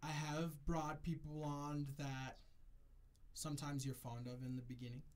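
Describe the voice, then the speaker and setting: Unhurried and fairly high, with little rise or fall, this is an adult DJ from Jamaica who relocated to America in childhood. He's a guest in a relaxed, thoughtful interview and keeps repeating ideas to underline them.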